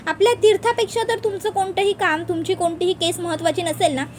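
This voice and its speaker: A woman's voice: very high voice, fairly even intonation, fast, slight background noise. A woman voicing an angry young man who hotly defends his sister. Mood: urgent. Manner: heated, urgent.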